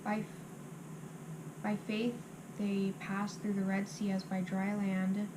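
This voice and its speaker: A woman recites scripture by rote in a flat, narrow-ranged voice at a medium pitch. Her phrases come in short, halting pieces, as if recalled from memory. The recording has clear background noise. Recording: clearly noisy amateur recording.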